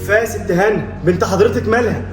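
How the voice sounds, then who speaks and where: A man playing a gentle Egyptian dad, rapid high voice. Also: lightly acted. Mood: calm. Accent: Egyptian Arabic. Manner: soft, apologetic and reassuring. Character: gentle, worried Egyptian father running errands. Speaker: father in a family skit. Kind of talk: amateur family skit acting. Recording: music playing behind.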